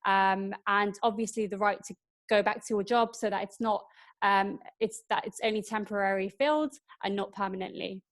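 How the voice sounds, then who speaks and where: A woman's voice: mid-range voice, fairly even intonation, moderate pace. A woman explaining the law in an educational workshop, thoughtful with many ums. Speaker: workshop presenter.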